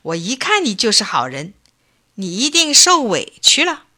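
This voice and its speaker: A woman voicing a greedy, fickle male prince who takes bribes, shouting in a pompous, bossy way. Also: a little high, wildly swooping pitch, moderate pace, exaggerated voice. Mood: fawning.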